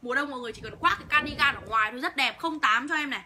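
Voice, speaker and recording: A woman's voice: high voice, very fast, pushed and bright, slight background noise. A young woman hosting a livestream to sell clothes, talking bluntly and hawking with heavy cursing. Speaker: online clothes seller. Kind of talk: livestream sales pitch.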